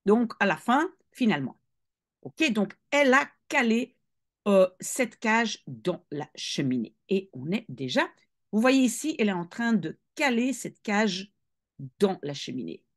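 A woman, a language teacher reading a novel aloud and patiently explaining each phrase to her students, clearing her throat now and then. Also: medium pitch, sing-song, unhurried. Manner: patient explaining, switching between English reading and French explanation.

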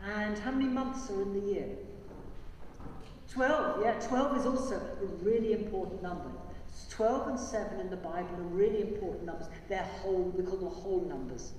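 Speaking from the lectern of a large church, an older priest leads liturgical prayer and talks to children in a gentle, simple way. His voice is high, mellow and dark, at a moderate pace, and the lectern mic sits far from the camera, so the audio comes across echoey and distant with a long reverb and slight background noise.

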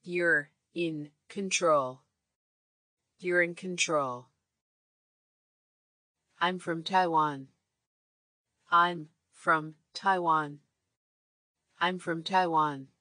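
A woman reading short English phrases for learners, saying each one three times in a measured, clear way. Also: on the low side, fairly even intonation, pushed and bright, dry recording. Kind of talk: slow repeated phrase drills.

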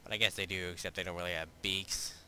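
A man with a very low voice and a sharp, tense edge to it, narrating his game. He talks offhand and crude, swearing freely as he goes. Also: level tone, quick pace, slight background noise. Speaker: gamer. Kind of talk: let's play commentary.

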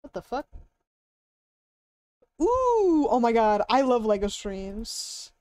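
A woman's voice: fairly high pitch, fairly even intonation, moderate pace, darkish tone, clean tone, no room sound, clean studio sound. A young woman chatting casually on a livestream as she browses, with a cute, bubbly anime-streamer delivery and exaggerated reactions. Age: young adult. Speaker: live streamer. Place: indoor room at a streaming desk.

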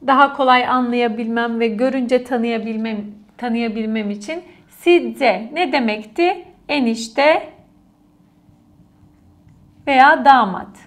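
A woman teaching an alphabet lesson to children, patiently repeating each letter and word aloud for the class to copy. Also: on the high side. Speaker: language teacher.

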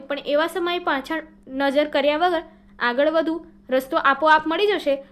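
Reading out workbook answers as a lesson, a high-voiced woman explains things in a steady way, now and then fixing a small slip.

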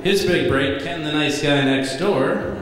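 A man in his thirties gives a best man's toast at a podium microphone in a large banquet hall at a wedding reception, reading from notes and telling comic stories in a dry, deadpan way. His fairly high voice is unhurried, and the echoey hall adds reverb along with background noise of guests laughing.

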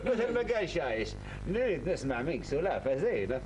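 An actor playing a hearty, encouraging Bedouin elder in a television drama, with a Bedouin Arabic accent. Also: male voice, on the high side, big pitch swings, fast talker, a little mellow, a little hiss or hum.

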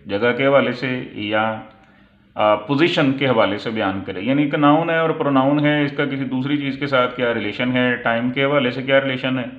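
Man teaching grammar, tinny and echoey. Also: medium pitch. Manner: slow, deliberate reading of English example sentences, then explaining in Urdu. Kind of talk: explanatory lesson. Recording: echoey room, tinny phone-like sound.

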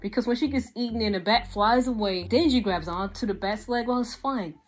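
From a small indoor room with a gaming desk setup, a young woman delivers a frank, exasperated anime review as casual video commentary in vlog style. She is animated and gestures a lot with her hands while talking. Her voice is a little high and brisk.

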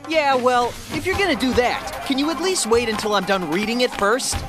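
A man's voice: very high voice, animated, normal speed. A man playing a cocky, carefree young male hedgehog hero in a video game, breezy and wisecracking. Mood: defiant. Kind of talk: video game cutscene acting. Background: background music.

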